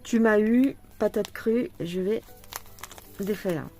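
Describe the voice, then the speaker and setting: Brief: woman vlogger, tired, chatty, mellow warm tone, indoors at home. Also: medium pitch, takes it slowly, soft background music. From France. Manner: chatty, talks to the viewer, laughs often. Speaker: cross-stitch vlogger. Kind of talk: casual chat unboxing a craft kit.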